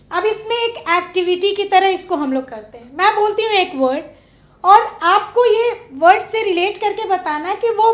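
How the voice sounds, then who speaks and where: A woman teacher giving a classroom lesson, drawing out words slowly and putting questions to her pupils. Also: very high voice, roomy sound. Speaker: English teacher. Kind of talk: classroom lesson on prefixes and suffixes. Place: broadcast studio classroom.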